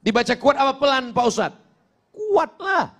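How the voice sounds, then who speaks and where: Lively, high-voiced Indonesian preacher man. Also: normal speed. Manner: jokey storytelling, acts out exchanges, chants Arabic verses. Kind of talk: humorous Islamic sermon.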